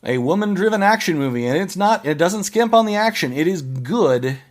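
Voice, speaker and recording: A man hosting a podcast, giving casual movie reviews in a halting way, often restarting and trailing off mid-phrase. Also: high voice, lively intonation. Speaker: podcast host.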